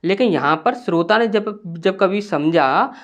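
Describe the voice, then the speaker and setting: Hindi grammar teacher explaining step by step. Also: male voice, high-pitched, lively intonation, a little slow, lo-fi sound. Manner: explains step by step with repeated rhetorical questions. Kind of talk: classroom lesson.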